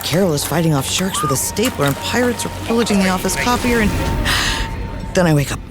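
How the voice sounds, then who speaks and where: Frazzled, high-voiced small business owner. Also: male voice, lively intonation, moderate pace. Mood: anxious, overwhelmed. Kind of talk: comedic advert acting. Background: music.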